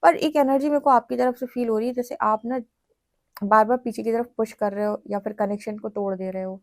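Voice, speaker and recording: A woman's voice: fairly high pitch, steady tone, a little fast, dry recording. Chatty Indian woman tarot reader. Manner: chatty, addresses viewers directly in Hinglish. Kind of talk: tarot reading to camera.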